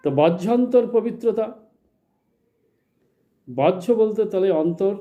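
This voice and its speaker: A man teaching a spiritual lesson in a measured, explanatory way, asking questions and then answering them himself. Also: sits high, expressive, phone-quality sound. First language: Bengali. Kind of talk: slow spoken religious lecture.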